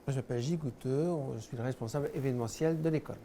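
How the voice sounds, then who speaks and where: A man's voice: medium pitch, very fast, mellow, a little hiss or hum. A man on an interview panel, introducing himself and asking the candidate questions. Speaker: school events manager, interviewer.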